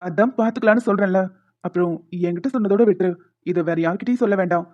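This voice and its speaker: A woman voicing a young man in an animated cartoon, an affectionate, teasing fiancé who coaxes and reassures his bride-to-be. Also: mid-range voice, quick pace, highs cut off, natural voice. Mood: reassuring. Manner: playful, coaxing, reassuring.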